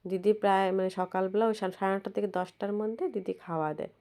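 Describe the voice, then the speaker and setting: Woman, hoarse from cold, dark husky voice, rambling casual voice-over, phone recording. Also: medium pitch, fairly even intonation, quick pace. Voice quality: husky, cracked voice. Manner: chatty, rambling, restarts words. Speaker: vlogger narrating her visit. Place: indoors, voice-over recorded at home.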